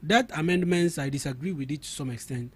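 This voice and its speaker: A young Ghanaian-accented man, appearing as a studio guest on a radio talk show, presses his arguments hard and repeats words to build them up. His voice is husky and on the high side, and he speaks fairly quickly.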